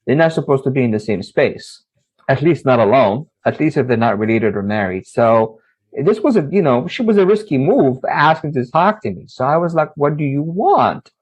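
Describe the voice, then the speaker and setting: A man from Saudi Arabia telling his life story as an interview guest, animated and often laughing. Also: mid-range voice, a little fast, slightly rough, low-quality recording.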